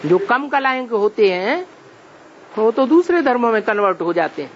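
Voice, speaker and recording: A man giving a religious discourse, explaining slowly and asking rhetorical questions of his listeners. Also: extremely high pitch, big pitch swings, lo-fi sound, slight background noise. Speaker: spiritual teacher.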